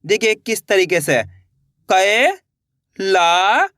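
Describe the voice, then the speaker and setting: A man's voice: sits high, a bit bright, no echo, clean studio sound. A man teaching Hindi reading, stretching out each syllable carefully and encouraging viewers as friends. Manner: drawn-out, careful letter-by-letter pronunciation. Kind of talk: slow syllable-by-syllable reading lesson.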